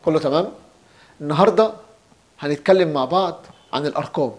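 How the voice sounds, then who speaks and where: Young Egyptian man, teacher, casual lesson, slightly high voice, slow emphatic repetition. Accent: Egyptian Arabic. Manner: repeats each word slowly and loudly for learners to copy. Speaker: Italian language teacher. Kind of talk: casual spoken language lesson.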